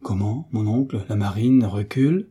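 A bold young soldier, read by a man in a storybook, lively and teasing. He is resolute and playful, with a dark, mellow, husky sound. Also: fairly low pitch, normal speed. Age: young adult.

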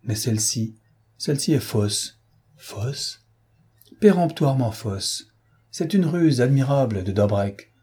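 Authoritative older-sounding official, husky and low in tone, read by a man. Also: animated, slow pace, dark tone, full character voice. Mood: cutting. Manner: clipped, authoritative, condescending. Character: stern male official, middle-aged, self-assured.

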